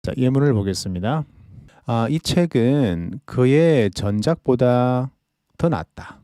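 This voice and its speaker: A man teaching English idioms in a podcast lesson, explaining each phrase slowly and reading examples carefully. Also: medium pitch, expressive, dark tone, dry recording, clean studio sound.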